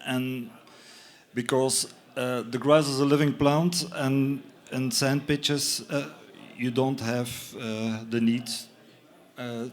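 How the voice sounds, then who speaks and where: A Belgian man who isn't a native English speaker gives a presentation at a conference, speaking slowly and haltingly with many fillers and restarts. His mid-range voice keeps a fairly even intonation, and the setting is a conference lounge inside a stadium.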